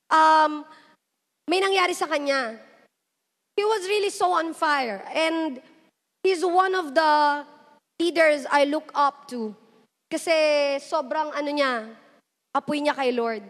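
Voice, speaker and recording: A woman's voice: high-pitched, slow pace, pauses often, fairly bright tone. A young woman preaching a youth sermon in a mix of Tagalog and English, retelling stories and voicing the people in them. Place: church hall. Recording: echoey church hall.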